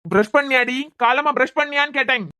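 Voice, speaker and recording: A woman's voice: sits high, brisk, sharp tone. A woman voicing a teasing young husband in a cartoon web series, with a Kanyakumari Tamil accent and a mocking manner.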